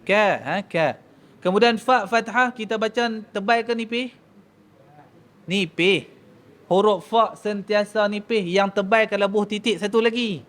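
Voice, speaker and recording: A man's voice: high voice, measured pace, fairly bright tone. A man from Malaysia, teaching Quran pronunciation in a mosque class and drilling each sound by contrasting the wrong and right way. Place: mosque hall.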